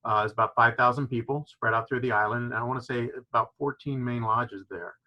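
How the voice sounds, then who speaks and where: A guest who owns a fishing lodge in Florida talks a little fast in a steady, mid-range voice. He's enthusiastic and leans on "you know" fillers, and his video call microphone gives dull audio.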